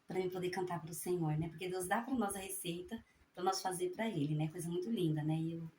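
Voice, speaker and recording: A woman's voice: on the low side, darkish tone, a little hiss or hum. Fervent woman preaching in an echoey room. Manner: fervent, folksy, frequent "né?" tags; halting reading with self-corrections. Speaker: evangelical preacher sharing a prophecy. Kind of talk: spoken testimony and scripture reading.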